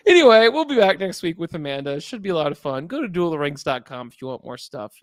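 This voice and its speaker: A man's voice: fairly high pitch, big pitch swings, fast talker, dry recording, studio quality. A man hosting a podcast in casual, rambling chat, joking and laughing often. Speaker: podcast host.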